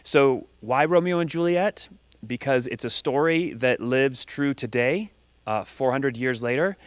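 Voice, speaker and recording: A man speaks in a smooth, clear voice at an everyday pitch, earnest and measured. He pauses often on fillers as he explains the thinking behind a production. The sound is dry and close. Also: no room sound. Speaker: director. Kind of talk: recorded statement to camera.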